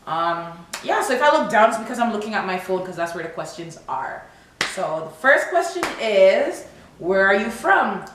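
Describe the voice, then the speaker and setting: Speaking at a normal speed with a medium-pitched, very animated voice, this Toronto vlogger answers tag questions to camera. Her Canadian English drifts into Jamaican Patois as she chats casually. The recording has heavy echo and a hiss in the background.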